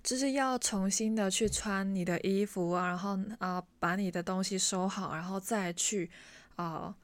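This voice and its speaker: A woman's voice: medium pitch, moderate pace, no room sound. Chatty woman telling a story, dry sound. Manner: chatty, animated, speaks straight to the listener. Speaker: vlogger. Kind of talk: casual storytelling to camera.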